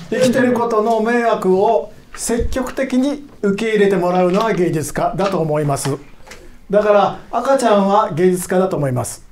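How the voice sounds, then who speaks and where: Halting man in an echoey hall. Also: sits high, a little mellow. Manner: halting, with many fillers. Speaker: lecturer. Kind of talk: talk to children. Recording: echoey hall, faint noise.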